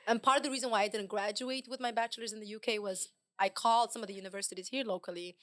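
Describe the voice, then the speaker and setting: Woman, podcast guest, animated storyteller, average pitch, dry close sound. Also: rapid-fire, no echo. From England. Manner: lively anecdotal storytelling, often laughing. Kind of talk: casual podcast interview.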